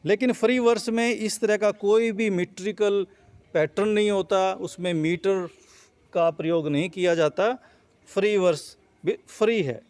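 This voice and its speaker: A man's voice: high voice, a little mellow, smooth, no room sound. A male teacher giving an explanatory lecture on poetry, repeating and rephrasing each point with fillers. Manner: reads English lines slowly, then explains in Hindi.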